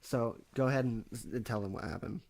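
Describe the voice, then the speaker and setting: A man casually telling a story with a co-host, animated and swearing freely. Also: mid-range voice, fairly quick, vocal fry, a little hiss or hum. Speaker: podcast co-host.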